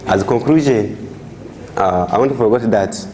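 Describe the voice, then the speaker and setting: A young man with a Burundian accent giving a halting classroom presentation as an international student, searching for words. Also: lowish voice, darkish tone, a little hiss or hum.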